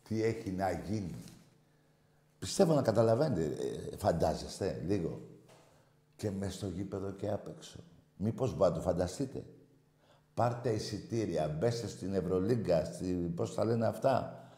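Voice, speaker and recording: A man hosting a call-in radio show, brash and insulting, shouting at callers. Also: sits low, expressive, roomy sound. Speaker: radio show host taking calls.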